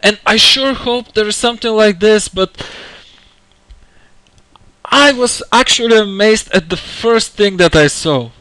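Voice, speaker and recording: A man with a fairly high voice in an angry gamer rant. He sounds exasperated and indignant, repeating phrases for emphasis. The recording is dry and close, with little room sound. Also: unhurried, sharp tone, dry recording, rough recording. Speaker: gamer giving opinion on a game franchise. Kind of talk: angry rant, unscripted video commentary.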